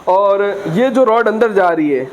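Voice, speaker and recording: A man teaching a physics class, reading English lines slowly and explaining with frequent questions to students. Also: high voice, expressive, lo-fi sound, slight background noise. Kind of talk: classroom lecture.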